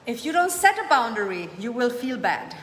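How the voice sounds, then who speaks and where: A woman's voice: a little high, sing-song, normal speed, a bit bright. A woman hosting a live coaching show, answering viewer comments and urging them on with emphatic, repeated phrases. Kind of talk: motivational live-stream coaching. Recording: echoey room with long reverb, faint ambience.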